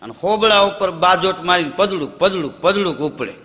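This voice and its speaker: High, bright-voiced man storyteller. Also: long reverb tail, slight background noise. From Gujarat, India. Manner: folksy, animated storytelling, chanting verses slowly. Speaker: folk comedian. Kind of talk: Gujarati stage storytelling comedy. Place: live stage show with laughing audience.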